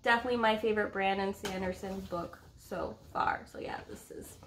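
Speaking briskly at a medium pitch with fairly even intonation, this thirtysomething woman co-hosts a book vlog, casually reviewing books with enthusiasm and playful emphasis. She's at home in a room with bookshelves, and there's slight background noise.

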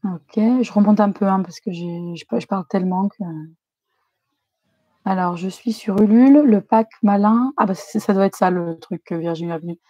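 Brief: female live-stream host, mellow tone, dry close recording, chatty, reads viewer chat aloud. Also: medium pitch, moderate pace, no room sound.

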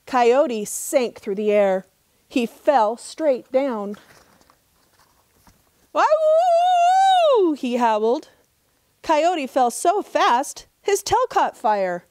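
Slow, higher-voiced woman telling a trickster tale. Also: animated, darkish tone. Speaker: park ranger reading a children's story. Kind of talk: expressive storybook narration. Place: outdoors in open desert.

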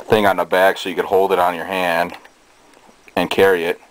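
This hobbyist, speaking low and haltingly in a casual tone, walks through gadgets he has collected. The setting is a cramped, cluttered bedroom, captured by a handheld camera's built-in mic, so the recording is rough, with steady noise and amateur quality.

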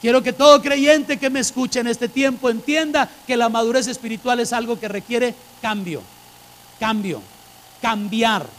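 A man's voice: extremely high pitch, fairly bright tone. A man preaching a sermon to a church congregation, repeating phrases for emphasis and asking the listeners direct questions. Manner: emphatic, repeats phrases to drive points home.

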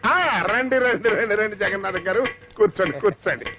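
In a comic film, an actor plays a hot-headed middle-aged father hunting for his son, blustering and indignant with loud outbursts. His voice sits high and moves briskly. The film audio is slightly muffled, with faint music underneath.

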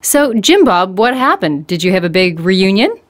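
A woman speaking as a smooth radio host, introducing guests and taking calls in a comedic call-in sketch. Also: mid-range voice, big pitch swings, normal speed.

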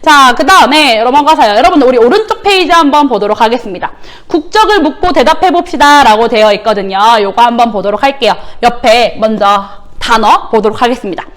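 Bright-voiced woman teacher drilling pronunciation. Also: fairly high pitch. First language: Korean. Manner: drills words with repeated call-and-response prompts; slow, exaggerated pronunciation of Chinese words. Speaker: middle school Chinese teacher. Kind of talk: recorded online language lesson.

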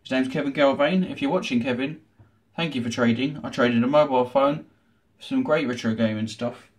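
A man's voice: medium pitch, a little fast. A man hosting a retro gaming video, chatting casually through an unboxing with dry, sarcastic asides from a small room at home. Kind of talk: casual show-and-tell unboxing. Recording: noticeable background noise.

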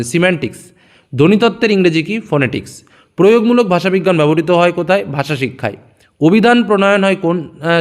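Lively high-pitched male teacher drilling answers. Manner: reads each question then drops lower and softer for the answer. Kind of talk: exam question-and-answer revision.

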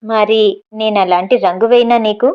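A woman's voice: medium pitch, fairly even intonation, unhurried, clean tone, highs cut off, natural voice. Woman reading a teasing young man on the phone. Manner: teasing and affectionate. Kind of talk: audiobook novel reading.

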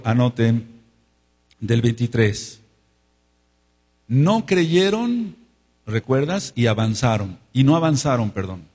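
Preaching to his congregation, a pastor with a mid-range, darkish voice draws out certain words to stress them. He has the people repeat lines back to him and calls for their amens.

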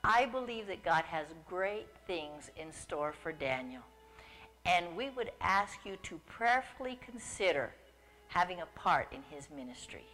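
An older woman giving a gentle, sincere scripted endorsement. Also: lowish voice, big pitch swings, measured pace, soft background music, poor audio.

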